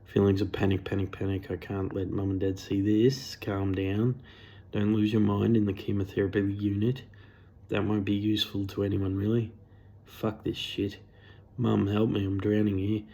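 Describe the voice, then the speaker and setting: A man's voice: fairly low pitch, monotone, normal speed, warm tone. A man reading a first-person personal story in a self-critical, sardonic, profane way.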